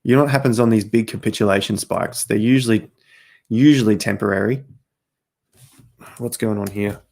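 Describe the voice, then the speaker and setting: Host type: low, gravelly man, chatty livestream chart talk straight to camera, voice fraying and hoarse. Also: normal speed, a little mellow. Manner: chatty, talks straight to viewers while walking through charts. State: losing his voice, coughing. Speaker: crypto market host. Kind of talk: casual livestream chart commentary.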